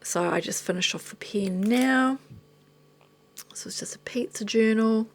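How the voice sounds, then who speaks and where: A tired New Zealand woman vlogger, her voice slightly hoarse and going, chats casually while showing items to the camera. She rambles and drifts off topic with a self-deprecating streak, speaking a little slowly in a fairly high voice.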